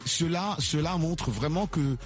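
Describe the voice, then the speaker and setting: A man's voice: fairly high pitch, a little slow, faint music behind. A man from Congo interviewing a musician on the radio, with many fillers and restarts. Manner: hesitant, many fillers and restarts, warm praise.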